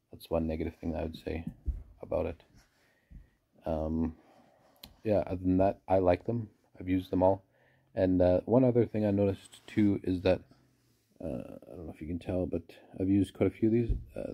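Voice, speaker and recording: A man's voice: low voice, gravelly, mellow. A man casually reviewing fly fishing hooks into his phone, hesitant and full of ums and uhs. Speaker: product reviewer. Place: mostly indoors, one clip outdoors by a river.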